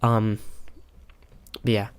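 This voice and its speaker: A young man calmly talking over a replay of his own ranked match, pausing often with filler ums. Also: lowish voice, clean tone. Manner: halting, many filler ums, calm and analytical. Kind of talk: casual gameplay commentary. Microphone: console headset mic.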